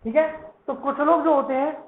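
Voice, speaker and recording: High-voiced male teacher, echoey phone sound. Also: brisk, phone-quality sound, a little hiss or hum. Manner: keeps asking questions and answering them himself; drills pronunciation by repeating words. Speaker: Sanskrit teacher. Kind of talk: classroom lesson.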